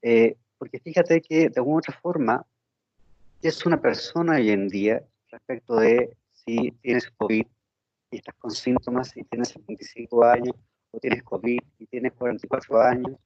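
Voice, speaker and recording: A male professor giving an online lecture, whose voice breaks up over a bad connection. He speaks in a measured way with frequent "eh" fillers. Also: mid-range voice, no room sound. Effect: choppy, breaking-up audio from a bad connection. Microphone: computer microphone on a video call. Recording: dull, lo-fi and dry.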